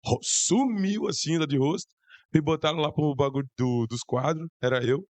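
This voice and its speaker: A hoarse young man with a Brazilian Portuguese accent, telling a church testimony in an excited, slangy way. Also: fairly high pitch, moderate pace, no room sound. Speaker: church youth member giving testimony. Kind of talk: casual testimony to a congregation.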